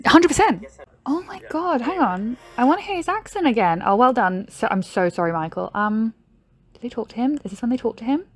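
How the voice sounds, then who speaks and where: A young British woman casually reacting to a video, thinking aloud and getting excited. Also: on the high side, fairly quick, soft background music. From Britain.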